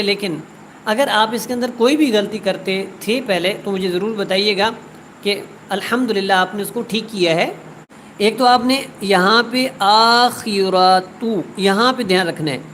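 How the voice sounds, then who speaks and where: A woman teaching a word-by-word Quran tajweed lesson. She recites each word slowly and drawn out, then explains quickly. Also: mid-range voice, a bit bright, slight background noise, rough recording.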